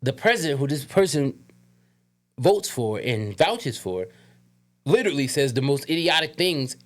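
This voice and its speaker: A man's voice: mid-range voice, sing-song, measured pace, faint music behind. A man co-hosting a podcast, ranting emphatically with profanity and a slight lisp. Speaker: podcast co-host. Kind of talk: casual heated podcast chat.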